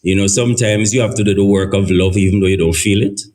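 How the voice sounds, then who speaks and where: A man's voice: steady tone, fast talker, a little mellow. A middle-aged Jamaican man talking to parents and teenagers in a sermon-like style, telling stories and often checking in with the crowd. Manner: storytelling, sweeps up high when stressing a point. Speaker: speaker at a family forum. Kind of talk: sermon-like talk to parents and teens.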